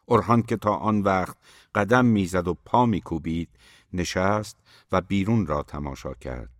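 Deep-voiced man narrating a novel. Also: no echo, studio quality. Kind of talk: audiobook narration.

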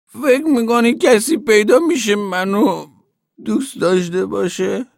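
A male narrator voicing a self-pitying one-eyed grown man who complains in a slow, plaintive way. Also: high-pitched, creaky, no echo, clean studio sound. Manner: plaintive, dragging delivery.

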